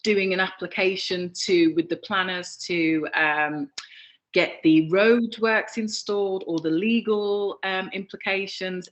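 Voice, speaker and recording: Young architect woman on a video call, low voice, lots of ums and restarts, muffled lo-fi sound. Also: fairly bright tone. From England. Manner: hesitant, many fillers and restarts. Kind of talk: online talk presentation. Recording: dull lo-fi video call audio.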